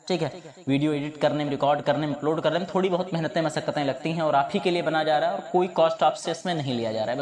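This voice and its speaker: A man teaching an English pronunciation lesson, patiently drilling each letter and calling his listeners "babu". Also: a little high. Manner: patient, repeats each sound slowly, calls listeners "babu"; drills letters one by one, contrasting wrong and right sounds. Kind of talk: spoken pronunciation lesson for viewers.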